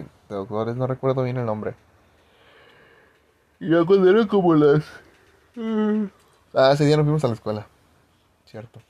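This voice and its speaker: A man's voice: medium pitch, mellow, muffled recording. Slangy young Mexican guy telling a story. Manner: slangy, profane, rambling storytelling. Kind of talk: casual personal anecdote.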